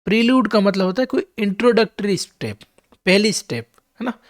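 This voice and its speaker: A man's voice: high-pitched, a little fast, dry recording, studio quality. A man teaching English vocabulary to exam students, spelling each word out letter by letter and checking in with his listeners.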